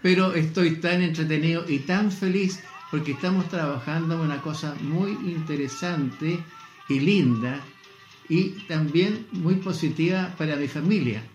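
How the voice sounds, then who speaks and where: Elderly Chilean man in his eighties, unhurried and chuckling, slightly higher voice, roomy sound. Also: darkish tone, faint music behind. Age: 80s. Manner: unhurried, chuckling, self-deprecating. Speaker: guest. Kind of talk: casual radio interview.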